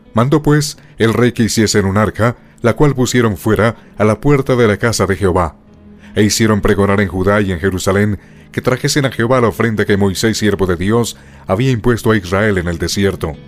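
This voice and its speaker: A man reading scripture as solemn scripted audio Bible narration, in a measured, formal manner. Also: on the low side.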